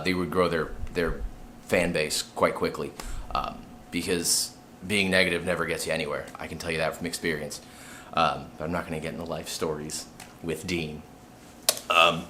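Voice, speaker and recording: A man's voice: low-pitched, fairly bright tone, a little hiss or hum. A man, a musician, talking to camera in a laid-back, straightforward vlog. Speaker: musician vlogger. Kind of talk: casual vlog talk.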